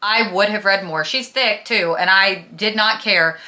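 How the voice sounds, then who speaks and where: A young adult woman with a slight lisp gushes about books to camera as a book vlogger and host, chatting casually, emphatically and dramatically. Her mid-range voice is a little slow, bright and forceful.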